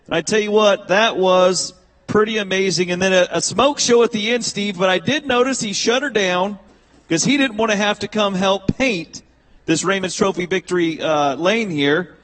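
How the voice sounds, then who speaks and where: A man's voice: high-pitched, normal speed, fairly bright tone, low-quality recording. A man interviewing a race winner in victory lane, folksy and chatty. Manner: folksy, repeats "I tell you what". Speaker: track-side interviewer.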